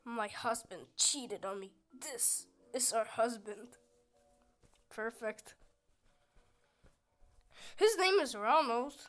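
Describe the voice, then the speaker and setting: Her voice youthful, slightly high, and fairly bright, a young woman streaming a game talks slowly and animatedly, pausing often. She's chatty and goofy, reading in-game dialogue aloud and letting out squeals.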